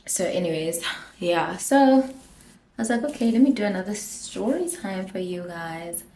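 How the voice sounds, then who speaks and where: A woman's voice: mid-range voice, expressive, normal speed, mellow, slight background noise. A young woman with a South African accent, chatting casually through a storytime vlog, giggly and dropping in Zulu phrases while getting ready at home. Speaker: vlogger, makeup artist. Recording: echoey room.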